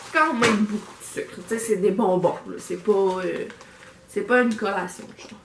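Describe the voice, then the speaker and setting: A woman's voice: medium pitch, normal speed. Chatty Québécois woman in an echoey room. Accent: Québécois French. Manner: chatty and rambling, many fillers and restarts. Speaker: vlogger reviewing a subscription box. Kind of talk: casual unboxing chat. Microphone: camera microphone. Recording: echoey room with faint background noise.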